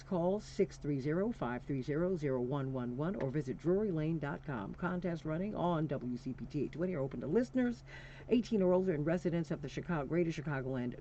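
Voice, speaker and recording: A woman hosts a radio show and reads a contest promo in a chatty announcer manner. Her voice is mellow and relaxed. The sound is dull, with faint noise behind it. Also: low-pitched.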